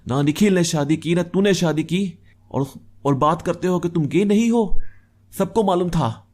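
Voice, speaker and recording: A man voicing a drunk male college friend who loudly mocks and accuses two old classmates. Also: medium pitch, fairly even intonation, takes it slowly. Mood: heated. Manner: taunting, raised and agitated.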